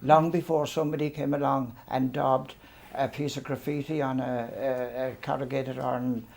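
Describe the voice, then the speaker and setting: In a mellow, mid-range voice with vocal fry and flat delivery at normal speed, a man in his seventies reminisces. He's from Cork, his accent tempered by years in London, and his self-deprecating stories of youth wander, with lots of ums and restarts as he's interviewed.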